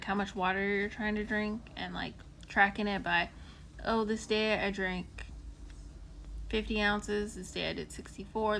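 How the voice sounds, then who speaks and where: A woman's voice: medium pitch, a bit bright, a little hiss or hum. A young woman hosting a casual livestream, explaining a skincare tracker with lots of ums and likes and greeting viewers by name. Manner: frequent ums and likes, loose rambling flow. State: chewing candy. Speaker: livestream host and waxing specialist.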